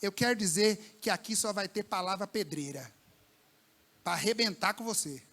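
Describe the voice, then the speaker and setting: A man preaching a lively sermon to young people in a church service, colloquial and slangy, swinging between loud bursts and hushed lines. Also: high-pitched, moderate pace. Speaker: pastor. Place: church service with a live congregation.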